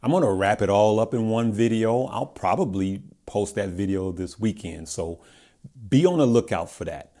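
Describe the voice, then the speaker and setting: An American man with a fairly low voice speaks casually to his online audience. His words come out a bit garbled, as he has stitches in his mouth after dental surgery. He stays emphatic and familiar, often repeating a phrase to drive it home. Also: moderate pace, dark tone. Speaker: investing video host. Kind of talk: casual direct-to-audience vlog talk.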